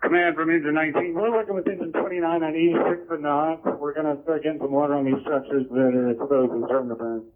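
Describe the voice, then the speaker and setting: Through a thin, band-limited two-way radio comes a high-pitched man. He gives urgent firefighter reports in radio procedure. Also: steady tone, quick pace, few pauses. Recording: tinny, narrow-band radio scanner feed.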